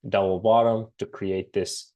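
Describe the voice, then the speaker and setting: A man with a cold and a slightly raspy voice, casually talking through a trading market breakdown with many pauses and restarts. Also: on the low side. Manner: relaxed, halting, many ums and restarts. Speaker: forex trading analyst.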